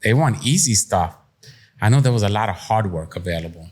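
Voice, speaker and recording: This is a middle-aged man from Puerto Rico, an entrepreneur guesting on a podcast, recounting his own experiences in a frank interview. His fairly low voice is expressive, brisk, a little mellow and slightly rough. He talks in a plain-spoken, streetwise, reflective way.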